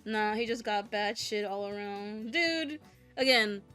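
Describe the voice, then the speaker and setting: In this clip the late-twenties gamer's voice is mid-range and a little slow, sharp yet clear and resonant, with faint music behind. She still talks frankly and casually as she plays, venting with plenty of swearing and nervous laughter.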